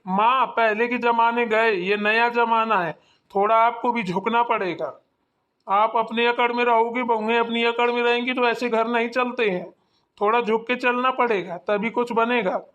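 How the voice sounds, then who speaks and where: A performer voicing a grown son in a Hindi cartoon, who gives his mother calm, preachy advice. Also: mid-range voice, normal speed, muffled recording, lightly acted. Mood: advising. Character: son Manohar, urging his mother to bend.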